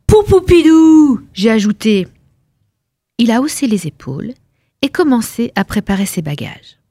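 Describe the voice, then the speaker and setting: Woman in her 50s, story reader, swooping lively pitch, dry close sound, ironic and playful. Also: moderate pace, husky, no echo. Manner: playful, ironic, self-correcting. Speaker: author reading her story. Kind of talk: performed story reading.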